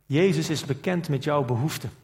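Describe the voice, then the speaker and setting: A man's voice: on the high side, moderate pace, a little mellow. A man preaching a sermon, asking reflective questions and reading scripture aloud in old formal wording. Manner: reflective, asks rhetorical questions.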